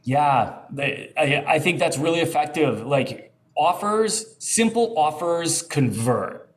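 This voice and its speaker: A man's voice: fairly high pitch, lively intonation, takes it slowly. A man co-hosting a casual business podcast, talking in an upbeat, enthusiastic way. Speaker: podcast co-host.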